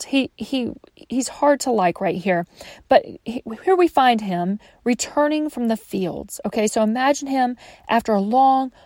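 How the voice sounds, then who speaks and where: A woman's voice: a little high, dry recording, studio quality. A woman teaching a devotional Bible study, retelling the story expressively and speaking to the listener directly as a friend. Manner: expressive storytelling, dropping at times to a soft hush.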